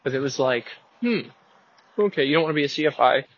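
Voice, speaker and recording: Animated and fast, this early-twenties man hosts his own podcast from behind the wheel, rambling in a casual, wry, self-mocking way in a mid-range voice. It's captured with dull, lo-fi sound.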